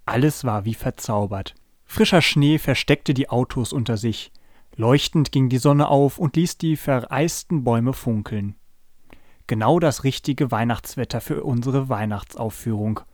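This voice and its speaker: A man's voice: mid-range voice, a little slow, darkish tone, dry recording, clean studio sound. Man reading a children's story. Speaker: podcast host and story reader.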